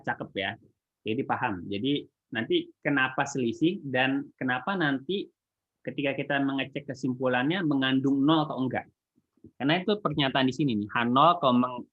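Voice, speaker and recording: A man with a Jakarta Indonesian accent and a slightly imprecise R, lecturing informally and often checking that listeners follow. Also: mid-range voice. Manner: colloquial, checks understanding with frequent tags. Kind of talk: informal online statistics lecture. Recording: echoey, muffled phone-like call sound.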